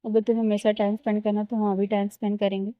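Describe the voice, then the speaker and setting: A woman storyteller voicing a quiet young woman who speaks softly and politely. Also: medium pitch, level tone, rapid-fire, clear, resonant tone, no echo, close to an everyday voice. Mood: reassuring. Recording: slightly dull lo-fi recording.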